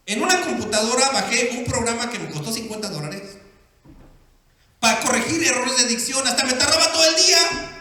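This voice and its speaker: A man's voice: very high voice, pushed and bright. A male pastor preaching a sermon, playful and acting out the characters in his stories. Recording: echoey hall with long reverb.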